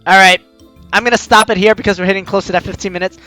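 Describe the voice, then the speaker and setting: A man reads game text aloud very fast while hosting a let's play, acting out each line expressively and adding his own commentary. His high-sitting voice is close-miked, and music plays in the background.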